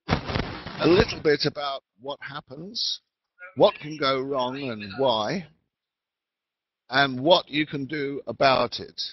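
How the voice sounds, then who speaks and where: A man's voice: mid-range voice, noisy background. Man lecturing over a patchy call line. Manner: measured, deliberate explaining. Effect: patchy online call audio that fades in and out. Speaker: webinar speaker. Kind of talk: educational lecture. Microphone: remote call mic. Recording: dull lo-fi call line, dry.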